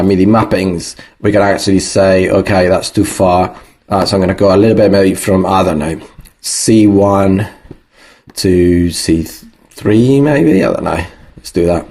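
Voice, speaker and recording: A man with a low, somewhat dark voice walks through a music production tutorial recorded on screen. He's casual and thinks out loud, dropping lots of fillers along the way.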